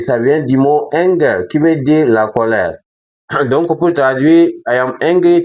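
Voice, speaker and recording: A man teaching English in a lesson, talking hesitantly with frequent fillers, restarts and repetitions, and spelling words out letter by letter. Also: mid-range voice. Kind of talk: French-language English lesson.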